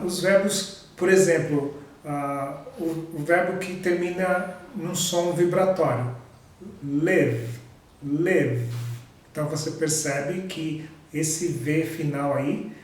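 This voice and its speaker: A man teaching English pronunciation in a slow, patient way, repeating each example word. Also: fairly high pitch, darkish tone. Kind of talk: pronunciation lesson. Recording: very echoey room, distant mic.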